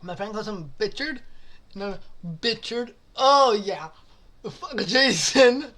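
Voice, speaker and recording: A woman's voice: medium pitch, lively intonation, takes it slowly, a bit bright. A woman hosting a casual reaction commentary on forum posts, crude and profane, laughing often and apologizing as she goes. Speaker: channel host reading forum posts.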